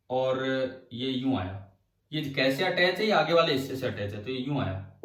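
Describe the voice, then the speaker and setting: A man's voice: medium pitch, far from the mic. Man, teacher, classroom lecture, questioning, echoey room. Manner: questioning, explains step by step. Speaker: physics teacher.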